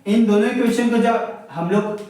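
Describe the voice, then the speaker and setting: Male maths teacher, high pitch, repeats points with everyday examples, distant echoey recording. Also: normal speed, a little mellow. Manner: explains step by step with homely examples, repeats points. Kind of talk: classroom lecture on graphs. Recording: very echoey room, voice from far off.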